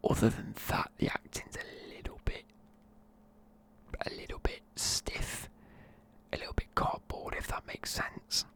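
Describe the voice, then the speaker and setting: This film-reviewing YouTuber sounds drowsy and worn out, murmuring a meandering critique right into the microphone, ASMR-style, packed with filler words. Delivery runs a little slow, with a fairly bright tone.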